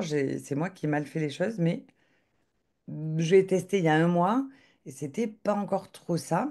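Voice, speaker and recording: A woman giving a live software demo on a video call, talking hesitantly with lots of filler sounds and restarts. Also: sits low.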